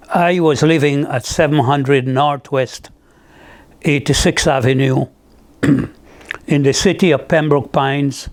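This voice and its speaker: Slow, deliberate older man reminiscing. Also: fairly high pitch. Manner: deliberate, careful with addresses and details. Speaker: interviewee recounting community history.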